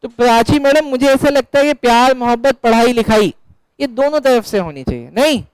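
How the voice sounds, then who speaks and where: A male teacher with a very high, smooth, resonant voice lectures a class live. He fires questions and answers them himself, and he keeps up a teasing, chatty banter with his students. The sound is dry and close. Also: lively intonation, fairly quick, no room sound, low-quality recording.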